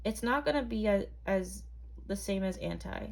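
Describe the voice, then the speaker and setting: A woman's voice: medium pitch, normal speed, vocal fry. A young woman from Barbados, reading tarot cards to camera in a chatty, hesitant way full of ums and likes. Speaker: tarot reader.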